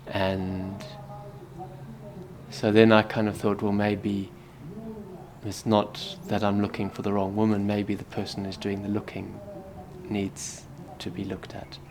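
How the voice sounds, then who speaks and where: A man in his thirties from Zimbabwe, a Buddhist monk answering interview questions in a soft, hesitant way that often trails off quietly. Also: lowish voice, monotone, slow pace, background noise. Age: 30s.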